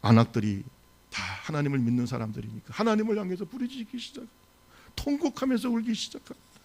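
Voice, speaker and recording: Gravelly-voiced pastor preaching a sermon. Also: male voice, high voice, quick pace. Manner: animated storytelling, quizzing the congregation. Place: church service.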